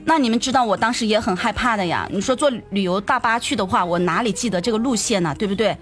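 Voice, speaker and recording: Animated young woman telling a story. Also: mid-range voice, fast talker, faint music behind. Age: young adult. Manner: lively and chatty, stammers on repeated words and asks the audience questions. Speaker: storyteller addressing her audience.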